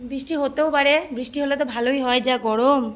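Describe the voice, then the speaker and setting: A hoarse woman filming a casual home vlog, coaxing and chatting with her small child. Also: high-pitched, steady tone, fairly quick. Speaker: mother and vlogger. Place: indoors at home.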